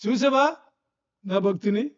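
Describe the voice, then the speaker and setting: A male preacher voicing God as a calm male figure who proudly asks his listener to take note of his servant. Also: high voice, unhurried, lo-fi sound.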